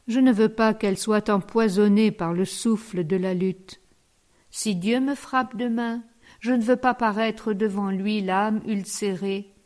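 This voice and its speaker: A woman reading the part of a serene old male country priest, speaking softly and mildly. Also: fairly high pitch, close to an everyday voice. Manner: soft, mild and unhurried.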